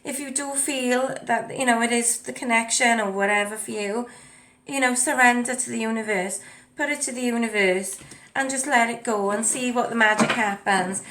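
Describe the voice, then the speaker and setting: A woman's voice: on the high side, moderate pace, few pauses, fairly bright tone, a little hiss or hum. A woman giving a casual spiritual card reading, chatty, with lots of ums and you knows as she reads the card texts aloud. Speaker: tarot and oracle card reader. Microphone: desk mic at a home setup with ring light.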